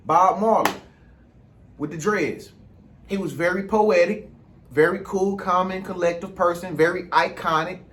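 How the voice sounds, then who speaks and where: An American man talking casually in a rambling solo vlog, using street slang and repeatedly checking that listeners follow him. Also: high-pitched. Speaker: vlog host giving informal advice.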